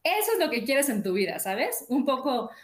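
Woman guest, upbeat coach telling stories, voice a bit high, echoey room. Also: very animated, normal speed. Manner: upbeat, tells stories with quoted dialogue. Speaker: guest author and sales coach. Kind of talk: casual interview chat. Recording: roomy echo.

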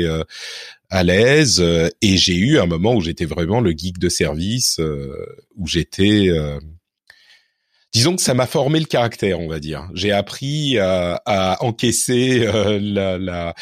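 Low-voiced man musing in a dry recording. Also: no echo. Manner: reflective and digressive, self-correcting. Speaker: interview guest. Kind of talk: relaxed personal interview.

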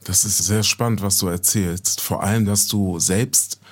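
Measured man hosting a podcast. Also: low voice, fairly even intonation. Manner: friendly, measured moderating. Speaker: podcast host. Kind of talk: podcast interview.

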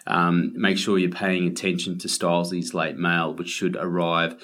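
An Australian man hosts a sports podcast in a fairly low voice. His delivery is casual and conversational, like someone running through an agenda with a mate. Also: little pitch movement, normal speed, fairly bright tone. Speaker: podcast host.

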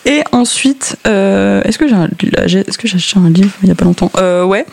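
A woman's voice: medium pitch, expressive, a little fast, creaky, a little mellow. A tired woman chatting casually about her summer reading, rambling and hesitant. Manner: rambling, hesitant, laughs often. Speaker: book club member. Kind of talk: casual chat.

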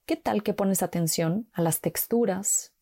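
A woman slowly guiding a mindfulness walk with calm, gentle instructions and long pauses. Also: mid-range voice, breathy edge, no room sound, studio quality. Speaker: meditation guide.

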